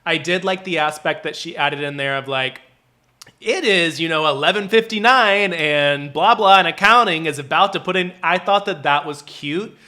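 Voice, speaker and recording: A man's voice: on the high side, moderate pace, bright, forceful tone. A man co-hosting a casual review chat, talking in a chatty, loose way full of "like" and quoted asides. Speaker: reality show review co-host.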